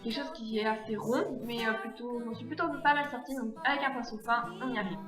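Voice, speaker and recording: A woman's voice: fairly high pitch, fast. A woman narrating her DIY craft tutorial in a voice-over, hesitant and full of fillers and self-corrections. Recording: echoey room with background music. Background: guitar music.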